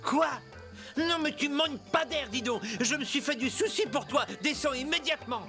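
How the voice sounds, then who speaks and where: A man's voice: extremely high pitch, big pitch swings, normal speed, music in the background. A man voicing a timid, fussy male cat sidekick in a cartoon dub. He frets, yelps and scolds his friend. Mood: scolding. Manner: fretful and easily frightened, scolding when upset. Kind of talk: cartoon dubbing.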